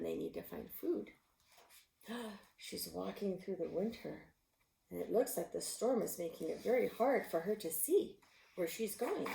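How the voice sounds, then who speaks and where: A woman reading a picture book aloud, expressive, sometimes dropping to a whisper. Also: medium pitch, vocal fry. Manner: expressive, with gasps and animal sounds; drops to a whisper at tense moments. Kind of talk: storybook read-aloud. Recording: roomy echo.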